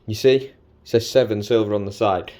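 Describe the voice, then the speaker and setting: A man's voice: on the low side, steady tone, a little fast, darkish tone. Cheeky, casual British man vlogging. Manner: cheeky, slangy, informal. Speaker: motovlogger presenting gear. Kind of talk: casual chatty gear walkthrough.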